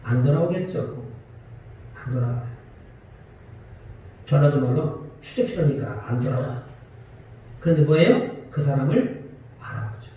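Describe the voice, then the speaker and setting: A pastor with a mid-range voice gives his Sunday sermon unhurriedly, leaving long pauses, heard distantly in an echoing church hall with slight background noise. He stays lively, asking his congregation questions and dramatizing quarrels.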